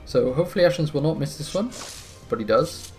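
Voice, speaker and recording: A man giving relaxed, wry commentary on his gameplay, sounding a bit tired. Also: a little high, quick pace. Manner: relaxed, wry, thinking aloud. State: tired, yawning. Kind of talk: casual let's-play commentary. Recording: music playing behind.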